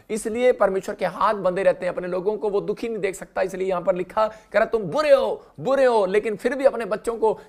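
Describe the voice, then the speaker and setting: A male pastor leads a live morning prayer sermon, repeating refrains and moving between loud calls and soft murmurs.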